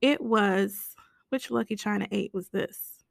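Hoarse, raspy, whispery American woman podcaster. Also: medium pitch, measured pace, no echo, clean studio sound. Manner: blunt, complaining, mildly sweary. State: hoarse, voice nearly gone. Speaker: podcast host. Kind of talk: casual solo podcast rant.

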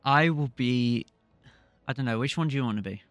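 A man's voice: mid-range voice, fairly quick, fairly bright tone, no room sound, soft background music. A man co-hosting a casual gaming podcast, thinking aloud in a rambling way. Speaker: podcast co-host.

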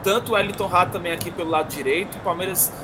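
A Brazilian man gives tactical analysis during a live football broadcast. He has a high voice, with clear outdoor ambient noise around it. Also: rapid-fire.

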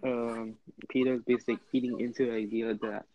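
A man's voice: mid-range voice, little pitch movement, fairly quick, no echo. A man in a casual group call, talking hesitantly and trailing off, his phone mic crackling and cutting out. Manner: hesitant, trails off mid-sentence. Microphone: phone mic over a call. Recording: dull crackly phone mic with faint noise.

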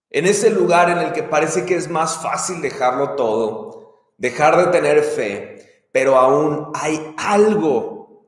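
A man preaching a sermon in an earnest way, repeating key phrases for emphasis. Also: on the high side. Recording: echoey hall with long reverb.

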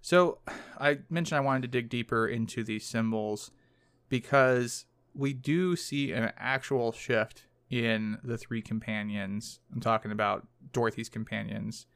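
A man's voice: medium pitch, unhurried, fairly bright tone, smooth, no echo. A man in a casual academic discussion, talking thoughtfully and analytically with some hedging.

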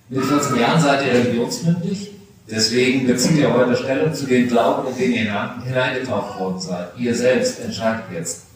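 Middle-aged pastor preaching in an echoey church. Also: male voice, mid-range voice, noisy background. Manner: warm-hearted, personal, speaks directly to teenagers. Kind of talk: confirmation sermon. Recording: echoey church recorded from a distance.

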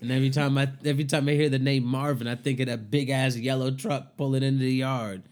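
A man's voice: mid-range voice, fairly even intonation, fast talker, a little mellow. A young man co-hosting a casual podcast chat, loose and profane, often breaking into laughter between phrases. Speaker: podcast co-host.

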